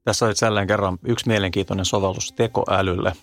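A man hosting the conversation, reflecting on the ideas in an even, conversational way. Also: low voice, no echo, clean studio sound. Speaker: host. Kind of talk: conversational commentary.

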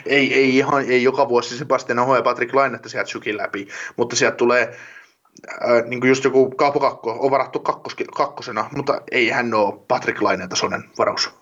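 A man's voice: mid-range voice, fairly even intonation, a bit bright, highs cut off. A man talking hockey in a casual podcast chat, rambling with many restarts and fillers.

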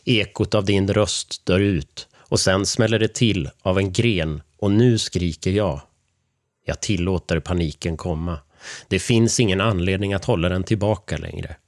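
A man with a very deep, low voice tells a first-person horror story, keeping his delivery hushed and measured with tension underneath. The recording is close and completely dry, with no room sound at all. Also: dry recording. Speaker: narrator.

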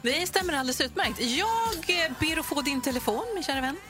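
A woman's voice: high voice, lively intonation, over music. A woman co-hosting a radio show in the studio, coy and giggly as she drops teasing hints. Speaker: radio co-host. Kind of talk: playful radio banter.

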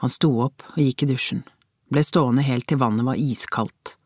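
A reader narrating a crime novel as an audiobook, in measured storytelling with tense inner questions. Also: mid-range voice, husky, no room sound, studio quality.

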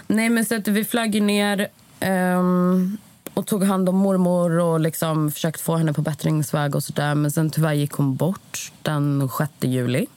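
En kvinna i trettioårsåldern som pratar avslappnat i en podd och berättar livfullt, ofta med repliker hon spelar upp. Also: female voice, fairly low pitch, no room sound. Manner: animated storytelling, acts out dialogue. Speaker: podcast guest. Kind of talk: casual chat.

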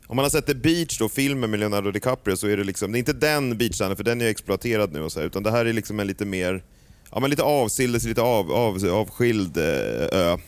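Low-voiced man with dry, teasing banter. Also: hardly any pauses, no echo. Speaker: podcast co-host. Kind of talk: casual podcast chat.

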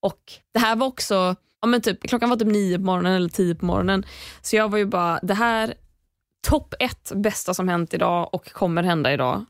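A young woman hosting a podcast, telling a story in an animated, casual way, swearing freely and acting out what people said. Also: medium pitch, no echo, studio quality. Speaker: podcast host.

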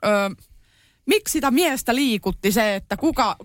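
A woman's voice: fairly high pitch, lively intonation, no room sound, studio quality. A woman co-hosting a casual chat, speaking in a thoughtful, hesitant way with fillers. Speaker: podcast co-host.

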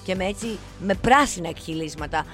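A woman's voice: lowish voice, lively intonation, a bit bright, faint music behind. A woman co-hosting a radio show in casual banter, teasing her partner and spinning absurd scenarios. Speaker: radio co-host.

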